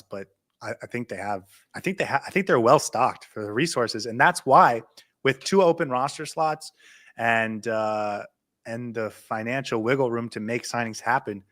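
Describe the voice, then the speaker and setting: A man co-hosting a casual podcast, talking excitedly and quickly until he runs short of breath. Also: on the low side. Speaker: podcast co-host. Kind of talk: casual chat.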